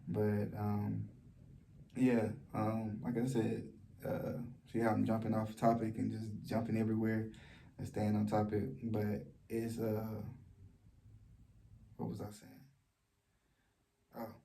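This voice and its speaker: A man talking in a personal vlog, speaking softly and low in a halting way, with many fillers and restarts. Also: monotone, vocal fry, slight background noise. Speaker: vlogger. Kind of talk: personal vlog, sharing a story of loss.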